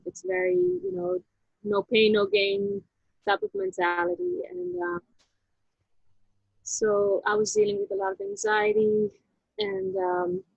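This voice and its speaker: A woman speaks in a very high voice full of gravelly fry. She tells her story haltingly and reflectively, restarting her sentences often. The recording is dry and dull, with a lo-fi sound. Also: a little mellow, no room sound. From Netherlands. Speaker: interview guest. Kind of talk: personal story in a casual interview.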